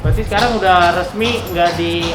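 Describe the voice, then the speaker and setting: Pria Jakarta bicara cepat lewat masker. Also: male voice, sits high, fairly quick. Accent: Jakarta Indonesian. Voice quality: slightly muffled through a face mask. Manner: chatty, informal slang. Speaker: host, interviewer. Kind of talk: casual sports chat interview. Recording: roomy echo, music behind.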